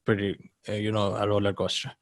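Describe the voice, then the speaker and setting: A man hosting a podcast interview, casual and halting, often repeating his words. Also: lowish voice, completely flat delivery. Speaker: podcast host.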